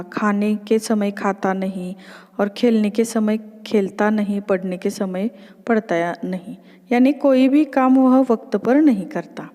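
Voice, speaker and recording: A woman's voice: fairly high pitch, mellow, in a large hall. A woman reading a children's play aloud, patiently explaining each scene. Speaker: storyteller.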